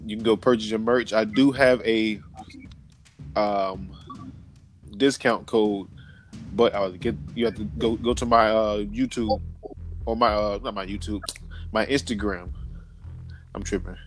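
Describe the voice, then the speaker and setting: Stuffy sick guy on a chill podcast, lowish voice, laid back, bit of music under it. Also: fairly even intonation, unhurried, pauses often. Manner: loose and laid-back, with slang and fillers. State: stuffy, congested from a cold. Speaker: podcast co-host. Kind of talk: casual podcast chat.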